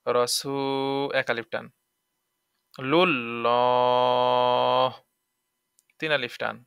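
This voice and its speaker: Bright, crisp-voiced man teaching Quran recitation. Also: medium pitch, no echo, clean studio sound. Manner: breaks words into letters and sounds, drawn-out recitation, asks the listener questions. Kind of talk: tajweed lesson, spelling out and reciting.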